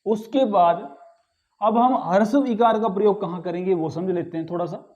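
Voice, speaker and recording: A man with a fairly high but dark, mellow voice gives a grammar lesson. He explains patiently, repeats key words and asks rhetorical questions. The recording is dull and lo-fi. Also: moderate pace. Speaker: Hindi grammar teacher.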